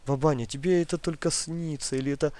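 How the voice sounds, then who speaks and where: A man voicing a caring young grandson who calmly reassures his grandmother. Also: fairly high pitch, fast, voice pushed up, natural voice. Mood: soothing. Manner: concerned, soothing. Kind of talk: audiobook reading.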